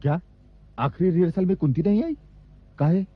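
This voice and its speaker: A man's voice: sits high, normal speed, dry recording, narrow, tinny audio. An actor playing an exasperated male troupe director, bossy and impatient.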